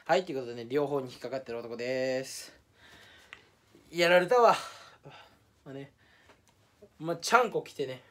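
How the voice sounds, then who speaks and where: A man's voice: medium pitch, normal speed, pauses often, a bit bright. A young man talking casually to camera in a solo vlog, rambling and self-mocking, slipping into mock Kansai dialect for fun. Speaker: YouTuber.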